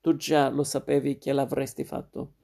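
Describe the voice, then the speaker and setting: A man's voice: medium pitch, flat delivery, moderate pace, gravelly, mellow, lightly acted. A man voicing a self-assured male prison cellmate who lectures in a storybook reading. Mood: lecturing.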